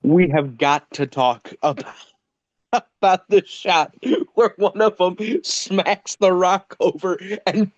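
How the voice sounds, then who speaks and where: A man's voice: sits high, takes it slowly, dry recording, lo-fi sound. A man chatting casually as a guest, making short joking remarks. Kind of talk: casual chat.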